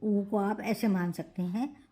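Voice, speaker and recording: A woman teaching Hindi pronunciation, saying each vowel sound slowly and repeating it. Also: mid-range voice, fairly even intonation, mellow. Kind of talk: pronunciation lesson.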